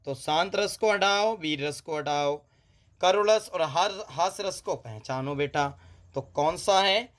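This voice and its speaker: A man teaching exam preparation, calling students "beta", ruling out options one by one and reciting verse slowly with repeated key words. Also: on the high side, a bit bright. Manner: addresses students as "beta", drills by elimination. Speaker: Hindi grammar teacher. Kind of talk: exam-prep lesson.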